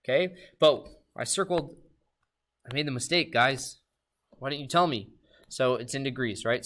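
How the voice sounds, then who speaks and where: A man giving a recorded math lesson, upbeat and talking straight to his students with quick questions. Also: mid-range voice, fairly bright tone. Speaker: math teacher.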